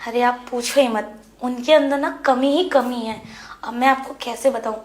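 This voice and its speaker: A woman playing a frustrated young married woman who pleads with her brother-in-law, insistent and hushed. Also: a little high, fairly even intonation, normal speed, close to an everyday voice. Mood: pleading. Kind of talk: Hindi web series dialogue. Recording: echoey room.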